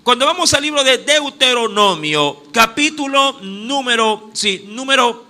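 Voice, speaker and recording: An unhurried male pastor with an extremely high pitch preaches in a coastal Ecuadorian (Guayaquil) accent. Animated throughout, he acts out exclamations, calls his listeners "mi amado," meaning my beloved, and breaks off occasionally to look up verses.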